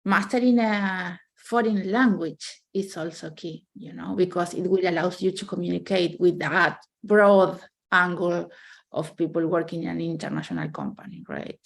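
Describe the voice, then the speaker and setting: A software engineer guest, an Argentine woman in her thirties, earnestly gives career advice in a casual chat, speaking English as a second language with an Argentine Spanish accent and often checking in with "right?". Her voice is lowish, animated and creaky, at a normal pace.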